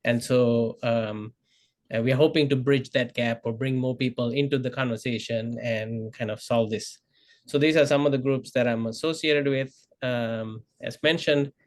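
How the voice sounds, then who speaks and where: Thirties male presenter from Sri Lanka, video call, halting delivery, many fillers, mid-pitched voice. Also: fairly even intonation, darkish tone. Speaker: guest speaker. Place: indoor room.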